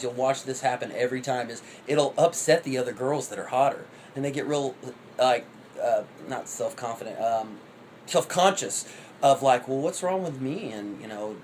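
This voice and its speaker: A man's voice: medium pitch, darkish tone, slight background noise, low-quality recording. A man in his thirties giving rambling, profane dating advice in a cocky, offhand way. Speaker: vlogger.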